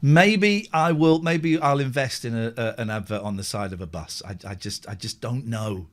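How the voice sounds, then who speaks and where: A man hosting a live late-night streamed radio chat, animated and self-mocking. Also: medium pitch, moderate pace. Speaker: host.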